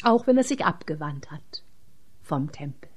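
Slow, whispering woman storyteller. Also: sits low, sing-song, darkish tone, husky. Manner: slow reading, often sinking to an unvoiced whisper. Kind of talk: read-aloud religious story narration.

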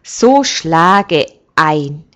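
A woman voicing an old male village elder who speaks in a firm, measured and kindly commanding way. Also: sits low, expressive, a bit bright, heavily acted. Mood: warm.

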